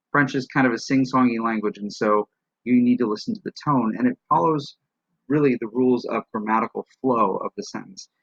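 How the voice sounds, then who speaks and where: Husky man teaching a lesson. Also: medium pitch, a bit bright, no echo, highs cut off. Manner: explanatory, demonstrates words slowly with rising and falling tone. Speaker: French teacher. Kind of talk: recorded language lesson.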